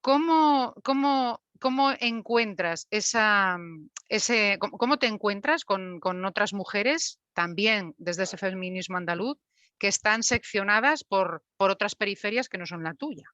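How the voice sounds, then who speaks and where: Bright-voiced woman hosting an online talk. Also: mid-range voice, animated, a little slow, dry recording. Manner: hesitant questions with repeated words. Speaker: event host and interviewer. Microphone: video call. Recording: dry lo-fi video call audio.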